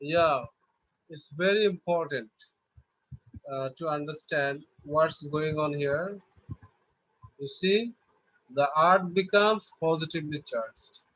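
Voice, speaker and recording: A man teaching an online class, explaining slowly and patiently over a video call. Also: fairly high pitch, a bit bright, dry recording. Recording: dull lo-fi online call audio.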